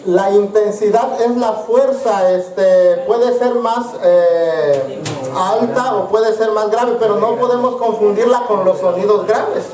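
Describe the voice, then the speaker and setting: A man teaching music to a church congregation, halting and filler-heavy, calling his listeners brothers and sisters. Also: sits high, a crowd in the background. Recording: roomy sound from a distance, with music.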